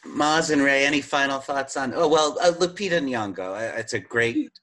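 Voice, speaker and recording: A man's voice: mid-range voice, normal speed, sharp tone, slight background noise. A man co-hosting a casual film-discussion podcast, steering the topics with a hesitant, filler-heavy delivery. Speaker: podcast co-host.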